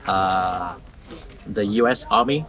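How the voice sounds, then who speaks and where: The audio quality is poor in this clip of a Vietnamese-accented man guiding visitors through ancient temple ruins outdoors. He has a deep voice and a sharp tone, and he takes his time. A native Vietnamese speaker, he explains things in simple, broken English, frequently joking and chuckling.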